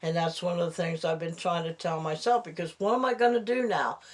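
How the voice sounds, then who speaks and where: A woman of about eighty talking casually and haltingly in a personal vlog, her lips over her gums with few teeth, slightly slurring her words. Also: on the low side, steady tone. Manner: slow, halting, rambling delivery. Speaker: vlogger.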